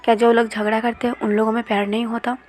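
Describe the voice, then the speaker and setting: A woman's voice: a little high, flat delivery, quick pace, a little mellow, close to an everyday voice. Woman voicing a hot-tempered joking husband. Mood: defensive. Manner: teasing and defensive. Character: hot-tempered, joking married young man.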